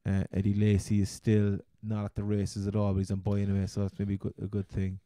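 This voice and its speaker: A man's voice: fairly low pitch, monotone, fast, warm tone, no echo, studio quality. An Irish man with a Cork accent hosting a casual sports chat, rambling and often repeating his words. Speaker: podcast host. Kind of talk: casual chat, fantasy football commentary.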